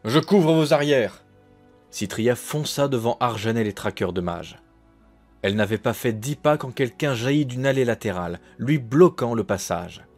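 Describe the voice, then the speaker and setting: A man reading an audiobook in a measured, dramatic narration. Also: medium pitch, animated, darkish tone, faint music behind. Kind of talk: scripted narration.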